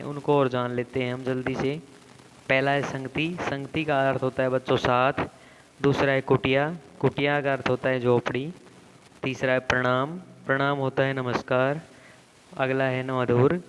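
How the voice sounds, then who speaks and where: A man teaching a class lesson to young children, reading the story aloud slowly and deliberately. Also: mid-range voice. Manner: slow, deliberate storybook reading with frequent "theek hai bachchon". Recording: echoey room with faint background noise.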